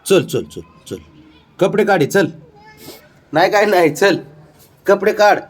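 A man with a fairly high voice sweet-talks his cat in casual pet talk. He coaxes and cajoles in a cooing, affectionate way, half pleading and half teasing. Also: lively intonation, takes it slowly.

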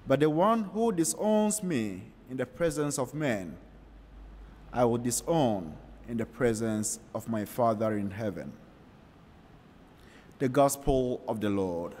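A man reading the gospel at Mass, solemn and measured, heard with a cathedral echo. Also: medium pitch, lively intonation, darkish tone, slight background noise. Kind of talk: liturgical scripture reading. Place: large church. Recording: long church reverb, distant from mic.

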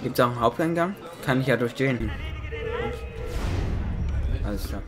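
A man's voice: medium pitch, animated, moderate pace, over music. Sarcastic man grumbling over a video game. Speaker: gaming video creator. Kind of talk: casual gameplay commentary.

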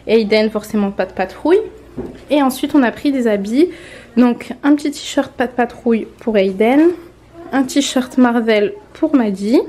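Young woman from France, casual haul vlog, slightly high voice, chatty, faint room hiss. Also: moderate pace, dark tone. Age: 20s. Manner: chatty, addresses viewers directly. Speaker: vlogger. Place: indoor home room, off camera.

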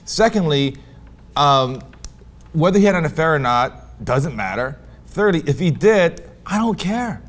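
A man's voice: on the high side, very animated, measured pace. A man co-hosting a talk show, arguing his opinion emphatically and repeating his points. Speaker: co-host.

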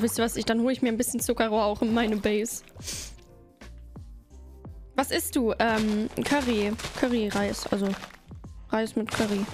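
A woman streaming a game, chatting playfully with her viewers while she plays. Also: on the high side. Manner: playful, chatty, talks to chat while playing. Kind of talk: casual gaming livestream chat.

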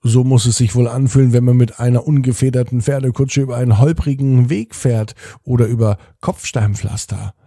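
A man hosts a children's bedtime podcast, telling a story softly, slowly and soothingly while addressing the children directly. His medium-pitched voice stays steady, and the recording is dry and of studio quality.

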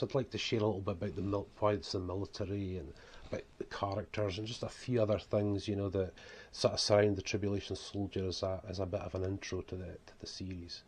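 A man's voice: lowish voice, darkish tone. A man in his forties with a broad Scottish accent, rambling through unscripted, casual talk to camera at home, often saying "you know". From Scotland. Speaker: vlogger and author. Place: small home room, indoors.

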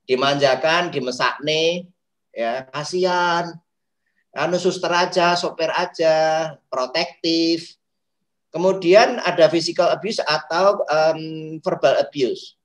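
Animated man explaining therapy. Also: on the high side, slow, low-quality recording. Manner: animated storyteller who acts out quotes, mixing in English phrases. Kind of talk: talk show interview.

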